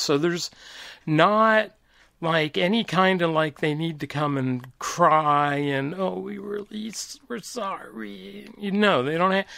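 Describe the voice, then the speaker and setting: A middle-aged man giving an informal, deliberate Bible teaching talk, explaining passages step by step. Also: fairly high pitch, pushed and bright, no room sound, clean studio sound.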